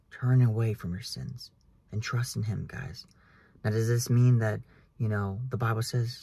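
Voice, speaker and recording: A man's voice: medium pitch, mellow, slightly rough, dry recording. A young man talking earnestly about faith to his phone camera from inside a car, preachy and repeating "guys". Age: young adult. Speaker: realtor vlogger. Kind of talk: casual faith talk to camera. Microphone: phone at arm's length.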